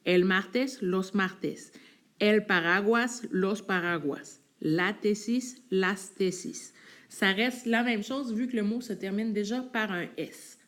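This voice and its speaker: A woman teaches a recorded whiteboard lesson. She speaks slowly and patiently, at a middle pitch, pausing to check that her students follow. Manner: patient, explains step by step with frequent check-ins. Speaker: Spanish teacher.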